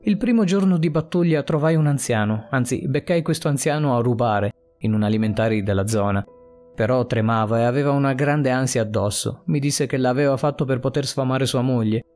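A man's voice: mid-range voice, brisk, a little mellow, soft background music, close to an everyday voice. A man voicing a police officer buried alive, who talks urgently and blames himself. The delivery stays close to a plain reading voice. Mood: regretful. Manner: urgent, earnest pleading. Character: adult male police officer, desperate and self-blaming.

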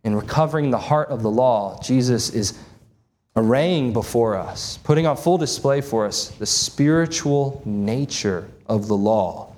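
A man's voice: medium pitch, darkish tone. Man preaching an earnest expository sermon. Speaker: pastor.

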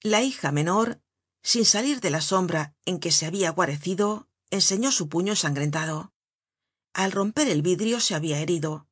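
A woman narrates a novel in a measured, even audiobook reading. Her voice is low and husky, and the sound is close and completely dry. Nothing else is heard behind her. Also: no room sound.

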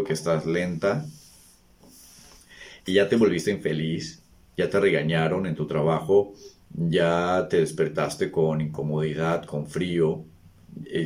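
Deep voiced guy hosting a talk, thinking out loud, asks lots of questions, restarts a lot. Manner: conversational, rhetorical questions, frequent restarts. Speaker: host. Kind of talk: reflective monologue.

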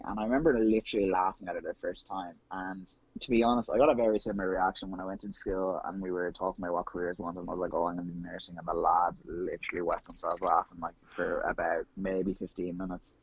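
Husky Irish man, chatty and rambling. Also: low-pitched, flat delivery, fast talker, few pauses, no echo, lo-fi sound. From Ireland. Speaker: nurse guest. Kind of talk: casual podcast chat.

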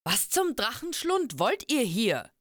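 A woman voicing a boisterous, brawny male warrior who teases loudly and boasts. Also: a little high, big pitch swings, takes it slowly, no echo, studio quality, pitched above the performer's own voice, heavily acted. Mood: angry. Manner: loud, boastful, teasing.

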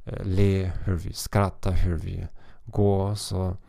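A man hosting a language-learning podcast, talking in a halting, careful way with frequent pauses. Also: low voice, flat delivery, vocal fry, warm tone, no room sound, studio quality. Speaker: podcast host and language teacher. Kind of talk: informal podcast monologue.

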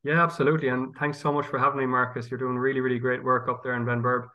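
A man's voice: medium pitch, flat delivery, fast talker, dull audio. A man with a west of Ireland accent talking conversationally and thoughtfully as a priest being interviewed. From County Galway, west of Ireland. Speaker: priest and guest.

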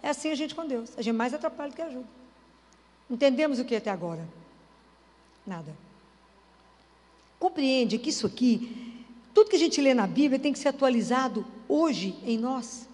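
High-voiced woman preaching in a hall. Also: animated, normal speed, pauses often, darkish tone. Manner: conversational, asks the audience rhetorical questions. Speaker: lay preacher.

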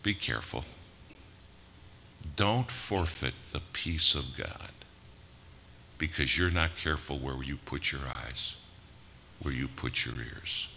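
A man in later life preaching a sermon in a church, swinging from loud bursts to hushed drops. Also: a bass voice, slow pace. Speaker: pastor. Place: church sanctuary. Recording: reverberant hall with faint noise.

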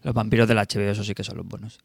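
A man's voice: lowish voice, racing, creaky, slightly rough, dry recording. Chatty man, dry close sound. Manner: animated, acts out quoted reactions. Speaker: podcast co-host. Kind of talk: casual chat.

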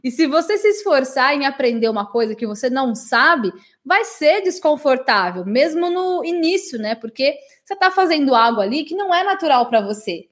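Woman, high voice, from Brazil, English teacher, live lesson, chatty, talks to viewers. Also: sing-song, normal speed, few pauses. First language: Portuguese. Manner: chatty and warm with her audience, many "né?" tags.

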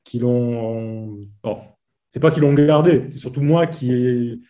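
A man from southeast France with a softened southern French accent, chatting casually and hesitantly, with many fillers. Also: medium pitch, takes it slowly. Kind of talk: casual conversation.

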